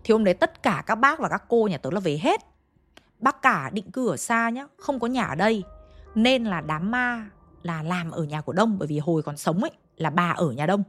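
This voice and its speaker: A woman's voice: mid-range voice, normal speed, faint music behind. A young woman, casually telling a story in a chatty, gossipy way. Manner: chatty, gossipy, lively, acts out quarrel lines.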